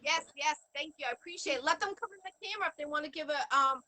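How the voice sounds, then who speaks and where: A woman's voice: sits high, rapid-fire, bright, forceful tone, rough recording. A woman with a Boston accent hosting an interview, talking earnestly and rambling with many fillers and restarts. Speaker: show host. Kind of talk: casual interview chat.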